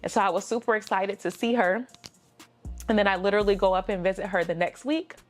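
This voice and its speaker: A woman's voice: medium pitch, fast. A woman vlogging about something personal, candid and emotional, dropping in chatty slang asides. Her voice sits in a middle register. Faint music hums underneath. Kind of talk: personal storytelling to camera.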